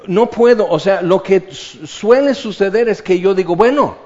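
A man's voice: high-pitched, moderate pace. Passionate preacher man, muffled recording. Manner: passionate, swings from loud emphasis to hushed intensity; rhetorical questions and repetition. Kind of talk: sermon. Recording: dull lo-fi sermon recording.

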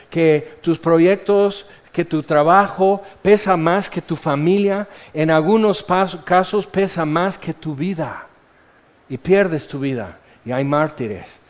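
A man preaching a sermon, slow and measured, repeating key phrases for weight. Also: sits high. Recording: dull lo-fi sound.

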